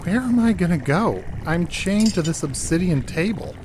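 Man as wry, animated captive everyman. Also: sits high, moderate pace. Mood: wry, defiant. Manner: casual, wry, muttering. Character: sarcastic, hapless male captive from Earth. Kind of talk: improvised fantasy audio comedy. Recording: clear background noise.

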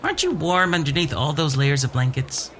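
A man voicing a tiny, flattering male imp who cheerfully eats other people's garbage. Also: on the high side, a little fast, noisy background. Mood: fawning. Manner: eager, people-pleasing, flattering, giggly.

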